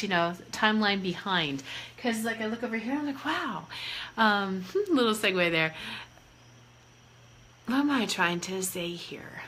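A woman life coach giving a casual live-stream talk, expressive and playful, swinging between soft asides and loud bursts. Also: fairly high pitch. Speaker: life coach and energy healer.

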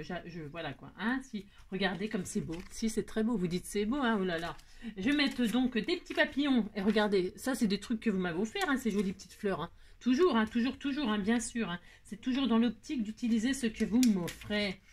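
A woman's voice: medium pitch, a little hiss or hum. A woman hosting a scrapbooking tutorial, chatting playfully with her viewers and rambling to herself while she works. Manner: talks to herself while working, frequent filler words. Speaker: crafting channel host.

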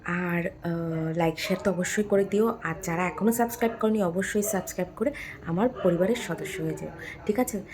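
A woman vlogger chatting casually at home at night, lively while talking with her husband, then speaking softly so a child can sleep. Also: lowish voice, fairly quick, a crowd in the background. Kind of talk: casual home vlog chat.

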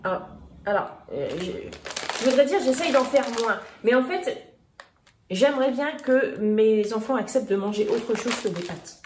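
A woman's voice: a little high, lively intonation, normal speed. A woman in her thirties, a vlogger chatting casually about her groceries with many fillers and restarts. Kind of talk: casual grocery haul chat. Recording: echoey room, faint noise.

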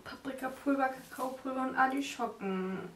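High-voiced, disgusted young woman in a roomy recording. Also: normal speed. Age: 20s. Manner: expressive, complaining in disgust. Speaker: food challenge vlogger. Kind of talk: casual chat. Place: living room on a couch. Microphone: camera a step or two away. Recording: roomy, distant mic, loud noise, clatter.

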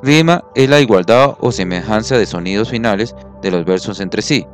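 Male teacher, lower voice, patient and methodical, faint music behind. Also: animated, moderate pace. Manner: patient, counts syllables aloud, checks understanding. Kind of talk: explanatory classroom lesson.

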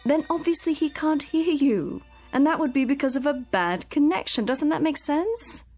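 Soft music plays behind a high-voiced actress whose darkish tone and lively intonation carry her radio-drama role at a moderate pace. As a practical female companion, she patiently coaxes and reasons with the elderly employer she's soothing.

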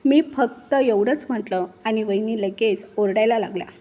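A woman voicing a kind middle-aged housemaid who speaks gently and soothingly in a storybook reading. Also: a little high, moderate pace, natural voice.

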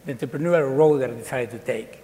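A man in his forties from Colombia, raised in Ecuador, giving a lively, chatty talk to students, with many fillers and restarts. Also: medium pitch, fast talker. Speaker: guest speaker. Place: large dark auditorium. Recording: long hall reverb.

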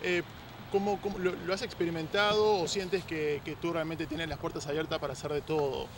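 A man's voice: a little high, fairly even intonation, a little fast. A man interviewing an actor, asking long questions hesitantly while searching for his words. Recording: street and traffic noise.

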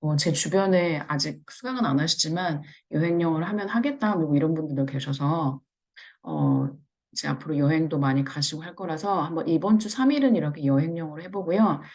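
A woman with a Korean accent teaching English pronunciation, saying model phrases slowly and carefully and explaining each one step by step. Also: low-pitched, a little mellow. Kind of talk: pronunciation lesson.

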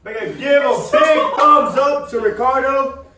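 High-pitched young man in echoey garage. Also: measured pace, over music. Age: young adult. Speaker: host of a challenge video. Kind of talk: casual excited chat. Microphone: camera a few metres away. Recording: echoey garage, distant mic, noisy.

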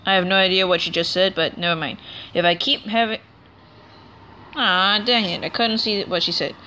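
A woman's voice: medium pitch, fairly even intonation, moderate pace, bright, forceful tone, a little hiss or hum. A woman giving casual, rambling commentary over a video game let's play, often correcting herself as she talks. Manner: chatty, rambling, self-correcting.

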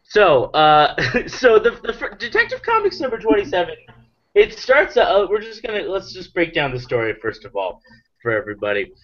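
A man's voice: high-pitched, huge pitch swings, moderate pace. A drunk man hosting a casual chat, rambling with loose restarts. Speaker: host. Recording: dull lo-fi sound.

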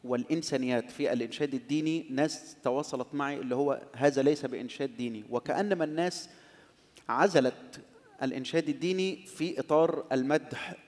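A middle-aged man with an Egyptian Arabic accent, a panel guest arguing with animated rhetorical questions. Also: fairly high pitch, fast. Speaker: panel guest, religious singer. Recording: long hall reverb.

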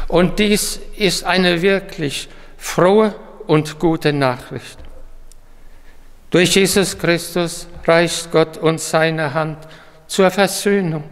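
A man preaching a short devotional sermon in a slow, solemn manner. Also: high-pitched, clear, resonant tone. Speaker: pastor. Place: church. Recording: long church reverb.

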